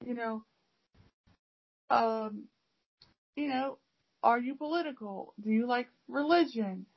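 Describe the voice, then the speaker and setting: Taking it slowly, she speaks in a fairly high, slightly rough voice. The U.S. English teacher rambles conversationally, with frequent fillers and restarts, and the lo-fi recording sounds dull.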